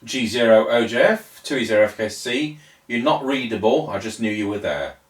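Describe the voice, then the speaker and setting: A man's voice: mid-range voice, animated, moderate pace. A man working a base radio station, making brief procedural calls heard over a two-way radio. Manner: brief, procedural call-and-response. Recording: distant, roomy radio audio with faint noise.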